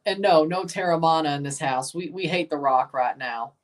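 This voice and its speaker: A man's voice: a little high, moderate pace. A man with an American accent hosting a livestream watchalong, chatting informally and rambling in short, casual bursts. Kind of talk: casual livestream chat with match commentary. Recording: voice some distance from the mic.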